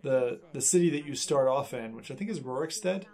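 A middle-aged man with a creaky voice, casually explaining things in conversation as a streamer hosting a gaming chat. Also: mid-range voice, lively intonation, fairly quick, darkish tone. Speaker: streamer and host. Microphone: binaural recorder, seated in headset.

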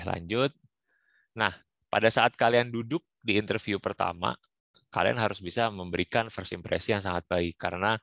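Low-voiced young man giving career tips. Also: a bit bright, no echo. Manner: casual, with frequent fillers and English career terms. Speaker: guest speaker. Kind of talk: online career talk. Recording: muffled, dry, lo-fi.

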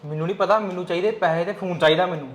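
A man playing a spoiled, demanding younger son in his late teens, whining fast in a home-made family skit. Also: sits high, natural voice. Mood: petulant. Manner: whiny, demanding, fast-talking. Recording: echoey room, faint music.

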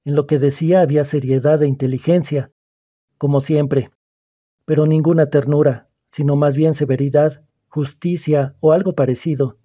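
A man narrating a literary audiobook at a measured, reflective pace. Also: a little high, steady tone, dark tone.

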